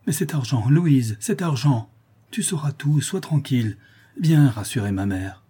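A man's voice: mid-range voice, expressive, measured pace, dark tone, breathy edge, voice pushed up. A man reading an audiobook and voicing a poor, grief-stricken craftsman, tearful and pleading. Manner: pleading, emotional.

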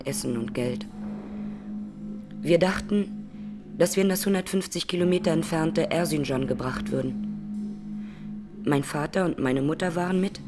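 In a radio drama, an actress portrays an Armenian woman in her twenties who survived a massacre, giving measured and sober testimony. Her voice is deep and her acting is light.

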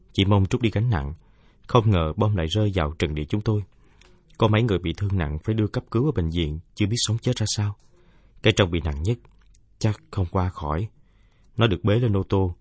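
A man with a low, husky voice reads a first-person story with earnest feeling. The sound is dry and close, with no room around it. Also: a little mellow, no echo. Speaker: narrator.

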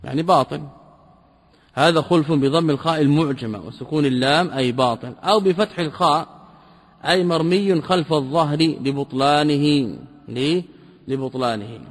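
A man teaching a lesson, reading a classical text passage by passage and explaining it, asking rhetorical questions and repeating key terms slowly. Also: on the high side, long reverb tail. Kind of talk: line-by-line commentary lesson.

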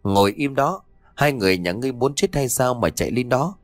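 A man's voice: mid-range voice, lively intonation, a little fast, no echo, close to an everyday voice. A man voicing a stern male exorcist master in an audio story, scolding and giving orders.

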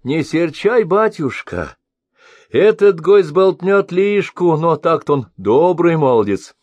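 Brief: scolding old crone, raised shrill pitch, fretful nagging, put on by a male reader. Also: big pitch swings, slow pace, darkish tone, no echo, dull audio, exaggerated voice. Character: fussy scolding old village woman.

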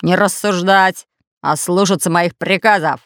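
A woman voicing a fat, red-bearded, bossy pirate captain in an audiobook, speaking in a gruff, commanding way. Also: on the low side, steady tone, measured pace, a bit bright, dry recording, studio quality. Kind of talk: audiobook character voice.

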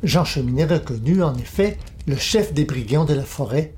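A man calmly reading a folk tale aloud as a storybook narrator. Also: on the high side, normal speed, a little hiss or hum. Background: soft music.

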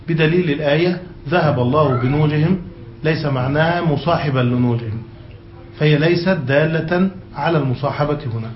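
Male grammar teacher with a fairly high voice, reading a text aloud and explaining it to a class, often asking whether they follow; echoey, muffled recording. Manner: keeps checking that students follow; reads passages aloud, then explains them. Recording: echoey, dull lo-fi room recording with faint hiss.

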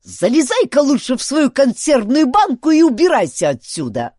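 A squeaky, creaking old chief who shrieks threats in a high, loud voice, put on by a woman reading the story. The delivery lurches wildly in pitch, and the recording is dry and close. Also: huge pitch swings, unhurried, no echo, exaggerated voice. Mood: furious. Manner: shouting threats.

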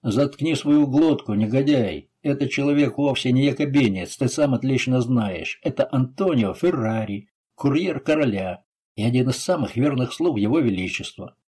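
A man reading an audiobook voices a bold, fierce captain who talks forcefully and threateningly. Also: medium pitch, expressive, moderate pace, husky.

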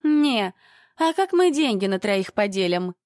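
A woman doing a shrill, mocking teenage girl. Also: animated, measured pace, dry recording, studio quality, lightly acted. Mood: squealing. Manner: squealing, slangy.

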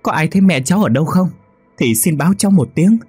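Guy putting on a high loud fake-crying woman, sneaky, husky voice, faint music. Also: expressive, quick pace, no room sound. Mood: fake wailing. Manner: loud, theatrical wailing. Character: scheming young woman faking loud distress.

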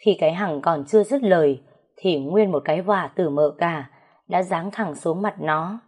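Woman with a lowish voice telling a story. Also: normal speed, darkish tone, breathy edge. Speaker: narrator. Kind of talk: storytelling narration.

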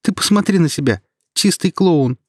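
A man reading an audiobook and voicing a scheming, mocking young woman rival in a raised, louder voice. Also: on the high side, lively intonation, moderate pace, no room sound, studio quality, voice pushed up. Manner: mocking, then pleading.

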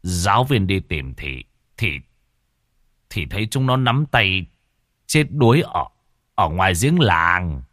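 A stammering old village man speaks low and haltingly, stumbling over his words, as a male narrator puts him on. The sound is dry and close. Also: very animated, a bit bright, no echo, full character voice. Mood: hesitant dread. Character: hesitant old village man breaking bad news.

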